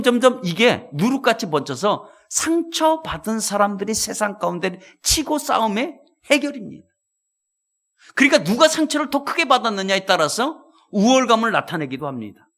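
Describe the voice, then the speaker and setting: Lively, high-voiced male pastor preaching. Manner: animated storytelling, addresses congregation. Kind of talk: sermon.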